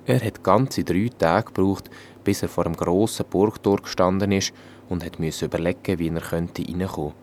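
A man with a Swiss German accent telling a fairy tale in a calm, even manner. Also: low-pitched, moderate pace, slight background noise. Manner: calm, even storytelling in dialect. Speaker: storyteller.

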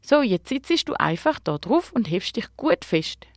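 A woman's voice: a little high, big pitch swings, measured pace, no echo, studio quality, voice pushed up. A woman voicing a curious, helpful young girl who asks eager, wondering questions in a storybook tale.

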